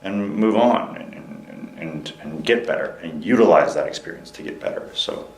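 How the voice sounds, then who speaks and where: A young man, a military veteran, speaking in a candid interview, earnest and reflective, with frequent halting restarts and fillers. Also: deep voice, expressive, roomy sound, rough recording. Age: young adult.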